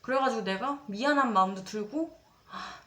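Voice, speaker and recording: A woman's voice: fairly high pitch, moderate pace, pushed and bright. A young woman in her twenties telling a personal dating story in a casual, confessional way, chatting straight to her viewers and acting out what people said. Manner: chatty, dramatizes quoted lines, addresses viewers directly. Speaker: storytelling creator. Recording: roomy echo.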